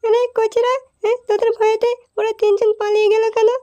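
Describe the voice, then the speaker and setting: A woman voicing a fussy, sharp-tongued adult woman in a comic cartoon who fires off question after question. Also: extremely high pitch, flat delivery. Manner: scolding, rapid questioning. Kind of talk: cartoon voice acting.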